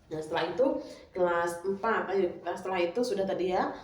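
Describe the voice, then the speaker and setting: A woman's voice: fairly low pitch, a little fast, a little mellow. A woman teacher leading a class, coaxing her pupils with questions. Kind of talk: classroom lesson. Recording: echoey room, mic far off.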